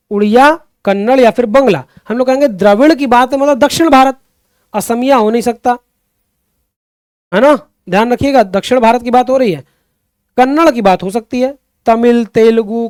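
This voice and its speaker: A young man with an extremely high, darkish voice teaches an online Hindi exam-prep class, recorded dry with studio quality. He keeps repeating questions, calls his students friends and children, and pushes them to answer, sometimes drifting into impassioned social commentary.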